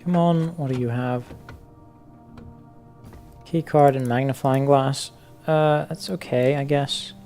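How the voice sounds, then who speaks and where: A man's voice: medium pitch, steady tone, slow pace, pauses often, mellow, faint music behind. A man giving casual let's-play commentary, thinking aloud with many fillers and restarts. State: hiccuping. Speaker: gaming YouTuber.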